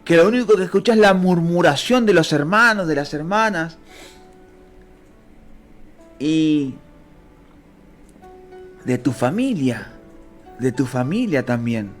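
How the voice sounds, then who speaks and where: A man with a Rioplatense Spanish accent teaching the Bible in a fervent, emotional sermon that swings between low and high pitch. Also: expressive, slow, long pauses, soft background music.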